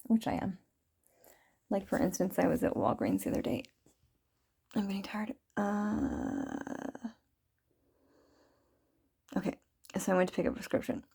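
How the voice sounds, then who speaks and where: Husky-low, rambling woman in her thirties. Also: sing-song, fast talker. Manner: rambling, frequent fillers, soft laughs. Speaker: vlogger. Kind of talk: reflective personal diary talk.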